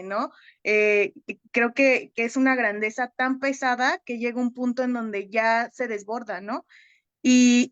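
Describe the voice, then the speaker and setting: This psychotherapist talks through a film with a discussion group, her voice on the high side and a bit bright. The audio is dull but echo-free, and she comes across as hesitant, frequently tagging her remarks with "¿no?"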